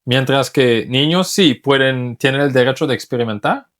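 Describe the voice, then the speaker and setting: A man's voice: mid-range voice, normal speed, a bit bright. A man whose first language is English, an English teacher talking casually in Spanish, thoughtful, often restarting words as he searches for them. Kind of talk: casual talk to camera.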